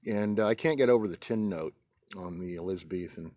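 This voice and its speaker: Male American vlogger, lower register, relaxed monologue recorded outdoors, halting delivery with mid-sentence pauses. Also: no echo, studio quality. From New England, United States. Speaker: pipe-smoking video host. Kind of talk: casual rambling vlog monologue. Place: outdoors on a deck in a light breeze.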